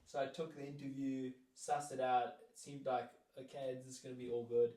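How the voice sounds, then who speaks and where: A man's voice: medium pitch, level tone, brisk, warm tone. Rambling young man telling a story. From South Africa. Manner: rambling, lots of "like" fillers, acts out quoted lines. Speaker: interview guest. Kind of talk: casual storytelling. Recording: roomy echo, mic at a distance.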